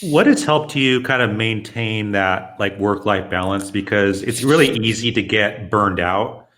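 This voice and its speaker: A man's voice: lowish voice, measured pace, a bit bright. A man hosting a casual interview, asking curious, friendly questions with lots of fillers. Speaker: host.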